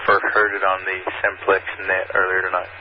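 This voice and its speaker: A man checks in to a ham radio net, his low voice almost flat as he gives his call sign and location. He comes through a thin, phone-like radio transmission that sounds far off. A faint static hiss runs underneath. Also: brisk.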